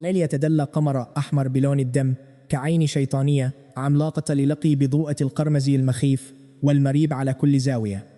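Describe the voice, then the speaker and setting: A man narrating a fantasy comic recap in the first person, quick and dramatic with sarcastic asides. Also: medium pitch, level tone, warm tone. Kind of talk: scripted storytelling narration. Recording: long reverb.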